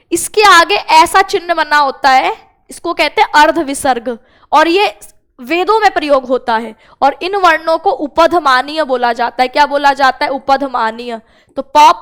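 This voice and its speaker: A woman's voice: high-pitched, fairly bright tone. A young woman teaching a Sanskrit exam-prep lesson, drilling short mnemonics and having students repeat after her.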